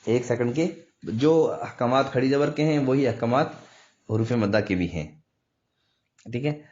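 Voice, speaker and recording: A man's voice: mid-range voice, darkish tone. A man teaching a step-by-step recitation lesson, patiently explaining and repeating words, drawing them out to demonstrate. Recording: dull lo-fi recording.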